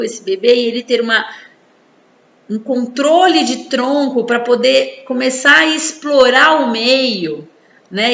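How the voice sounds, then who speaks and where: A woman's voice: on the high side, a bit bright. A woman with a Brazilian Portuguese accent gives an informal talk on infant development. She keeps checking in with her listeners through tag questions. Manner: explanatory, with frequent tag questions. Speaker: psychology presenter. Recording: echoey room, dull sound, faint noise.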